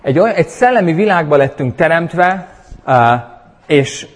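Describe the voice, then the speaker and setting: A man preaching a sermon and leading a prayer, emphatic and animated, with sudden loud bursts. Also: fairly high pitch. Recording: husky voice in a long-reverb hall.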